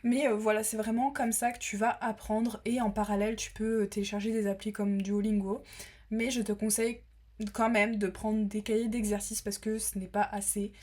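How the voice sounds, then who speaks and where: A woman's voice: medium pitch, little pitch movement, moderate pace, a little mellow. A young woman from France talking casually to the camera, chatty and full of fillers and restarts. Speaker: vlogger.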